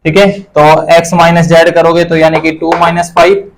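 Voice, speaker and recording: A man's voice: fairly high pitch, little pitch movement, normal speed, slight background noise, rough recording. A man teaching a math class, asking and answering his own questions and repeating the key terms.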